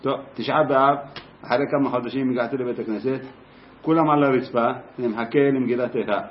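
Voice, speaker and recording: A man, a teacher, telling a personal story in a lively first-person way, briefly acting out the voices of the people in it. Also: medium pitch, a little hiss or hum. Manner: lively, acts out voices in his anecdote. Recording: roomy, dull lo-fi sound.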